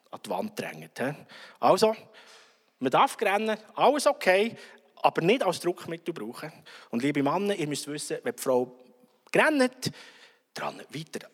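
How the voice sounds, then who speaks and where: A man preaches with a high, husky voice that jumps around in pitch. He acts out little everyday dialogues and keeps checking in with his listeners. His voice rings with the long reverb of a large hall. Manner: animated, acts out little dialogues, frequent "oder?". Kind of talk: sermon.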